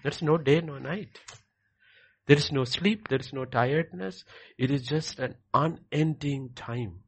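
A man's voice: fairly high pitch, a little slow, breathy edge. A man with an Indian accent preaching as a pastor in an emphatic, repetitive, conversational way with rhetorical questions.

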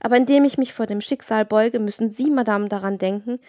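A woman's voice: a little high, brisk, warm tone, dry recording, lightly acted. A woman voicing a poor, virtuous young woman who pleads for help in an audiobook reading. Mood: pleading.

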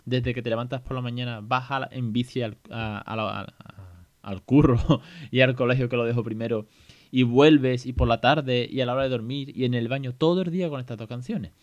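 Chatty podcast dad. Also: male voice, medium pitch, steady tone, a little fast, muffled recording. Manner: chatty, colloquial, self-mocking, many restarts. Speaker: podcast host and parent. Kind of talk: casual podcast monologue.

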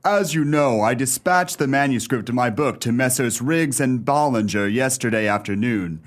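A man's voice: mid-range voice, moderate pace, natural voice. A man playing a pompous older English uncle in a radio play, formal, indignant and suspicious. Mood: agitated, suspicious.

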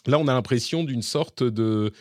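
A man's voice: mid-range voice, normal speed, darkish tone, dry recording. Chatty male podcast host, dry sound. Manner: explaining and demonstrating tools live, chatty. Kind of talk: casual tech chat.

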